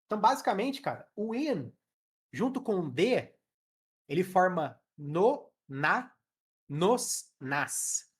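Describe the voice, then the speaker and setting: A young man with a Brazilian Portuguese accent teaches a live English class online through his webcam, sounding things out aloud and checking in with his students regularly. His voice sits high and swings widely in pitch, and he speaks slowly.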